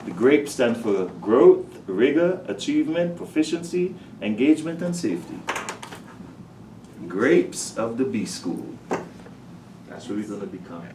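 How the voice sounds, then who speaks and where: A middle-aged man from Trinidad, a high school principal, telling lively stories about his students in a casual interview. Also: measured pace, noisy background. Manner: animated storyteller, acts out his talks with students. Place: school office. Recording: echoey room, distant mic.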